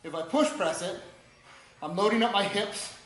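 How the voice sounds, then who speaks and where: A man's voice: high voice, normal speed, fairly bright tone, echoey room, soft background music, low-quality recording. A man coaching a lift in a gym, walking through the steps with short cues. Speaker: strength coach. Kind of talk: instructional demonstration.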